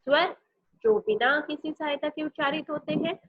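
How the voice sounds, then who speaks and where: A woman's voice: high voice, normal speed, no echo, dull audio. A woman teaching a grammar lesson, explaining patiently and often checking in with her class.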